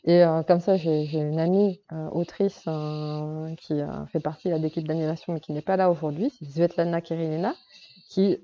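Rather low, very mellow and warm, a woman author talking craft, casual and halting with many fillers. The sound is dull and lo-fi. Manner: hesitant, full of fillers and restarts. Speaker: novelist speaking to a workshop group. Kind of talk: casual talk on writing craft.

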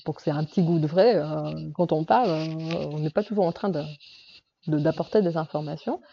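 Woman, novelist, casual workshop talk, hesitant, many fillers, dark warm voice, dull lo-fi sound. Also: low voice, fairly quick, vocal fry, a little hiss or hum. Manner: hesitant, full of fillers and restarts. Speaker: novelist speaking to a workshop group. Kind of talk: casual talk on writing craft.

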